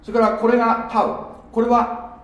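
A man's voice: extremely high pitch, monotone, normal speed, highs cut off. A man teaching a church gathering in a chatty, casual sermon style with many fillers and asides. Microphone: no microphone, speaking in natural voice. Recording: very echoey room, voice from far off.

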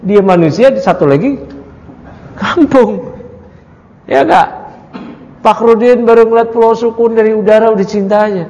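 A man's voice: high voice, normal speed, long pauses, darkish tone, lo-fi sound, a little hiss or hum. A man teaching a study-circle lesson on a creed text, reading Arabic lines and explaining them in casual, joking chat while quizzing his audience. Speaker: Islamic religious teacher. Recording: long hall reverb.

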